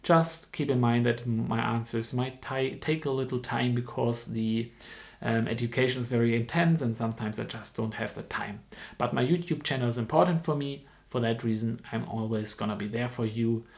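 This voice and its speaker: In a casual vlog, a dental student from Germany, in his twenties, explains things in English, which isn't his first language. He has a creaky, medium-pitched voice and talks haltingly, restarting and saying "um" frequently.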